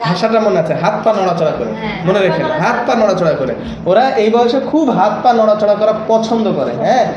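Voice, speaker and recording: A man's voice: sits high, animated, quick pace, crowd noise. A man leading a training session for teachers, coaxing and often asking for agreement. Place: training room. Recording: echoey room, dull lo-fi, noisy.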